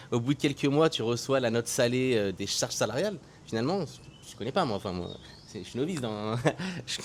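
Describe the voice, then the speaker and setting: A guest in a casual interview, this medium-pitched French entrepreneur in his thirties speaks frankly and conversationally, hesitating often. Slight background noise is present.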